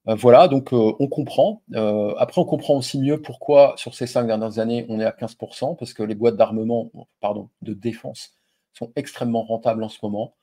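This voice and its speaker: A man's voice: mid-range voice, fairly even intonation, moderate pace, dark tone. A middle-aged man hosting a casual investing talk, chatting informally with lots of fillers and addressing the viewer directly. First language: French. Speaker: investing video host. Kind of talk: casual explainer with a familiar tone.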